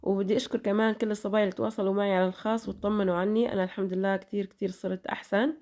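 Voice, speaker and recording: Speaking very fast with little pitch movement, a middle-aged woman with a Levantine Arabic accent chats with her vlog followers. Her medium-pitched, slightly mellow voice still carries fatigue from a recent illness. She's chatty, returning again and again to blessings and fillers.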